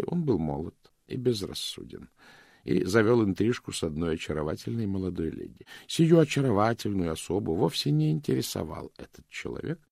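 A shrewd middle-aged detective, voiced by a male audiobook reader, speaking in a calm, measured, soft way. The voice is deep and gravelly with a lively melody. The recording is close and dry. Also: no echo, heavily acted. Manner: calm, measured, softly spoken. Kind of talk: audiobook reading.

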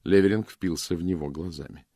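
Deep gravelly male narrator. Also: a little fast, warm tone, no room sound, clean studio sound. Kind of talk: audiobook reading.

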